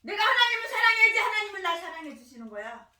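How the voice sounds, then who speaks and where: Woman pastor, very high voice, lively swooping pitch, repeats phrases, harsh shouted outbursts, distant mic. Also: fast, echoey room. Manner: emphatic, repeats words and phrases; breaks into harsh shouted tirades. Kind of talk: sermon.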